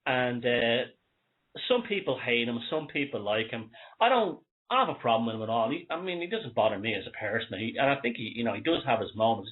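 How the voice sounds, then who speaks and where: An Irish man hosts a talk show in a loose, opinionated monologue. His breathing is wheezy and short, as in an asthma flare-up, and he leans on key words while keeping a conversational manner. His voice sits at an average male pitch, and the sound is thin and narrow like a phone line.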